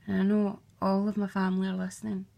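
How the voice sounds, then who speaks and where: A woman's voice: medium pitch, monotone, quick pace, gravelly, dark tone. A woman telling her own life story in a blunt, candid way, swearing freely and acting out what others said. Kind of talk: personal storytelling.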